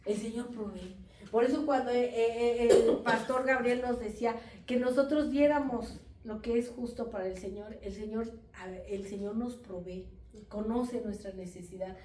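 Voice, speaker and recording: A woman with a Mexican accent giving a lively testimony and preaching to the church women, acting out the voices in her stories. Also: on the high side, normal speed, a little hiss or hum. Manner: animated storytelling, acts out voices in quotes. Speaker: speaker at a church women's meeting. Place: church hall. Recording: echoey room, voice far from the mic.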